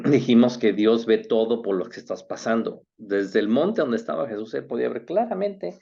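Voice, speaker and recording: A man's voice: mid-range voice, normal speed, creaky, warm tone, breathy edge, dull audio. A man, preaching a sermon as pastor in an earnest way, often rising into emphatic questions.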